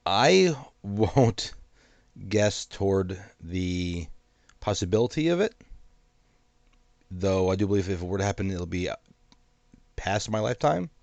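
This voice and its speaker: A man with a deep, low voice talks through his points with a steady, cautionary manner and the odd wry aside. His voice sounds congested from a sinus infection. The sound is dry and close, with no room around it. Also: a little slow, vocal fry, long pauses, no room sound. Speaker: host of an AI commentary channel. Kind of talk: solo commentary to camera.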